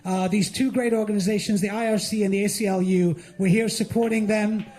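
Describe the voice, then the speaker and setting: A middle-aged man from India performing an animated stand-up set as host of a live comedy benefit show. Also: high-pitched, fairly quick, slight background noise. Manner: animated, mocking, with lively acted-out asides.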